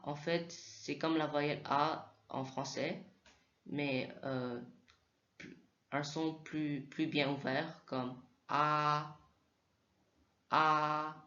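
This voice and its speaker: A man teaching Mandarin sounds in a slow spoken lesson, hesitating often and repeating each sound aloud for practice. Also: fairly high pitch, fairly even intonation. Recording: echoey room, slightly dull sound.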